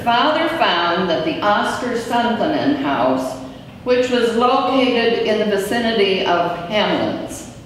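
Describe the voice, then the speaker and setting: Slow-speaking woman in a very echoey hall. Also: medium pitch. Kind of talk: reading aloud a first-person written recollection. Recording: echoey hall from far off, faint noise.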